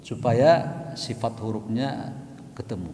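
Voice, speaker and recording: A man teaching Quran recitation rules, chanting verses slowly and then explaining in quick bursts. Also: medium pitch, gravelly, warm tone. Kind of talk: tajwid lesson, chanting verses and correcting. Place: mosque hall. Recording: echoey mosque hall.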